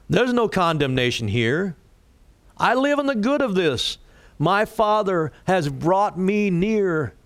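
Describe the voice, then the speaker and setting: A pastor preaches a sermon and leads a prayer, his voice raspy today. He speaks deliberately, rising for emphasis, in a slightly high register on a dry recording.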